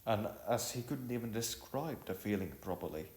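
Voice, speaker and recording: An amateur narrator, a man, reads a story aloud haltingly, often repeating and correcting himself. His voice is on the low side with a darkish tone and lively intonation, and the sound is roomy.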